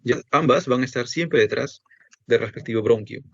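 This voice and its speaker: A man explains an anatomy lesson step by step in this recorded lecture, voicing the students' questions himself and then answering them. His mid-range voice has a fairly bright tone and a normal speed. The recording is dry, dull, and lo-fi.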